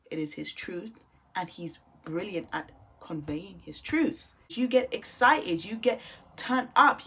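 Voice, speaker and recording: A woman's voice: medium pitch, a bit bright, breathy edge. A woman giving casual album reaction commentary, chatty and enthusiastic, thinking aloud as she talks. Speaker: music reviewer.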